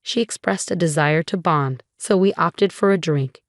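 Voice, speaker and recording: A woman voicing an easygoing middle-aged father-in-law who speaks fondly and relaxed, in a storybook reading. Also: on the low side, normal speed, no echo, studio quality, natural voice. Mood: amused. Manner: fond, relaxed explaining.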